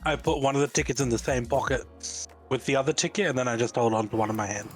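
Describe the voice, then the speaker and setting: Brief: deadpan male player, fast, matter-of-fact. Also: medium pitch, soft background music. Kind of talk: casual tabletop play.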